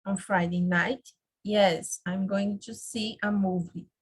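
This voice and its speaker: A woman with a husky voice takes part as a student in an online class. She reads an English exercise aloud a little hesitantly. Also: medium pitch, fairly even intonation, takes it slowly.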